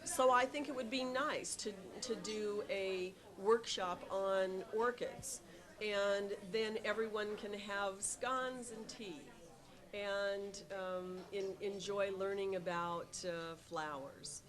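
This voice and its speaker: A woman's voice: medium pitch, steady tone, takes it slowly, a bit bright. A middle-aged woman who runs a tea shop, answering interview questions with many ums and restarts and an eager tone.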